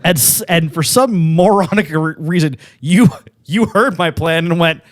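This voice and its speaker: A man's voice: on the high side, a little slow, dry recording, studio quality. A man in his late thirties, co-hosting a podcast in casual chat, self-deprecating and laughing often. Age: 30s. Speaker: podcast co-host.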